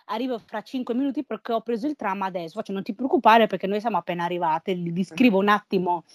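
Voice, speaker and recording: A woman's voice: medium pitch, quick pace, dry recording. A young woman telling stories in a casual group chat, slangy and informal, acting out the dialogue she quotes.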